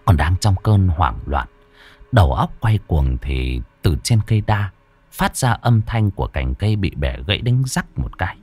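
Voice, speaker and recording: A man's voice: low voice, moderate pace, breathy edge. A man narrating a horror folk tale in a dramatic storytelling style. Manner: animated, swooping delivery. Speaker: audiobook narrator.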